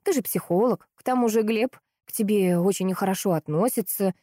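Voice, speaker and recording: Calm gentle young wife, soft mellow voice, a woman reading her. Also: medium pitch, a little fast, dry recording, clean studio sound, close to an everyday voice. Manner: gentle, soothing and level.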